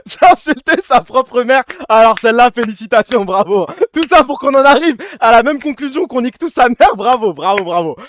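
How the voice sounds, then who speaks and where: A man's voice: very high-pitched, expressive, moderate pace, hardly any pauses, a bit bright, a little hiss or hum. A man streaming live, chatting loosely with his chat and callers, mocking and swearing freely. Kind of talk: casual livestream chat.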